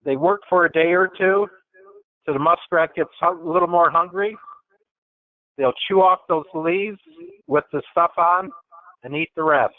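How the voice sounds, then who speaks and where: A man's voice: on the high side, unhurried, pauses often. Man with echoey, reverberant phone-like audio. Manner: plain, folksy, matter-of-fact. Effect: heavy reverb, echoey sound. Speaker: guest presenter on wildlife control. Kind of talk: answering webinar questions.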